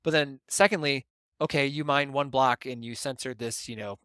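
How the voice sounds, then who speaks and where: Male podcast co-host, mid-pitch, explanatory and chatty, dry recording. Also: normal speed, a bit bright, smooth, no echo. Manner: explains at length, keeps checking with "right?". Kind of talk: casual podcast chat.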